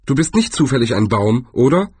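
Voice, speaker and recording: A man's voice: mid-range voice, very animated, brisk, a little mellow, slightly rough, dry recording, pitched above the performer's own voice. A man voicing a nervous, put-upon male wizard who talks in a hesitant, wary way in an audiobook.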